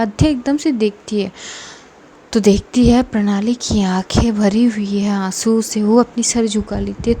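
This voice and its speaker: A woman's voice: on the high side, dark tone, slight background noise. A woman narrating a dramatic audio love story in a breathless, dramatic way.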